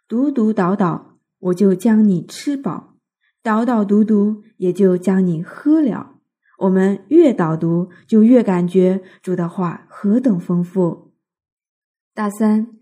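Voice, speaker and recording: A woman reading a scripted devotional outline in a measured, recited manner. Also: medium pitch, mellow, husky.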